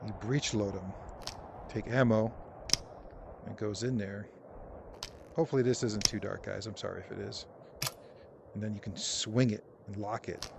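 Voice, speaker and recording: A man's voice: on the low side, fairly even intonation, normal speed, gravelly, long pauses. A man giving casual, rambling VR gameplay commentary, joking and poking fun at himself, in a noisy recording. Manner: rambling, joking, self-deprecating. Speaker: VR game video creator.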